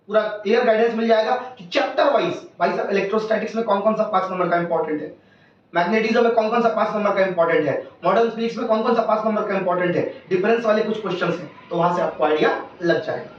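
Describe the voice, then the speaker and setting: A man's voice: high-pitched, very fast, a little hiss or hum. A man who teaches physics, giving emphatic exam tips as an interview guest and rattling off lists of topics. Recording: echoey, distant, dull room sound.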